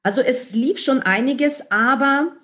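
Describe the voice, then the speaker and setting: Earnest woman from Ukraine, measured. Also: high-pitched, fairly bright tone. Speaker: interview guest. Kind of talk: conversational interview.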